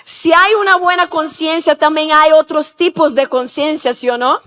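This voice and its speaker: A woman's voice: high voice, fairly even intonation, normal speed, pushed and bright. A woman pastor preaching a sermon, telling stories and asking the congregation to repeat after her. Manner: asks rhetorical questions. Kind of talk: sermon with storytelling.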